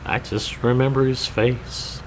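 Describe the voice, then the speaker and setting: An actor playing a bitter, unrepentant killer inmate in a thriller film, intense, haunted and self-justifying. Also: male voice, medium pitch, level tone, measured pace, lightly acted. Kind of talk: psychological thriller film acting. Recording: clear noise over film dialogue.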